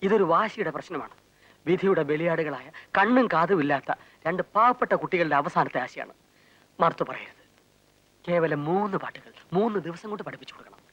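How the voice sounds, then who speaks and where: An actor playing a scheming man who flatters and wheedles others in a film comedy. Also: a little high, a little fast. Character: fawning, fast-talking scheming man. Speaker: schemer arranging a music teacher. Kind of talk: 1990s film comedy dialogue.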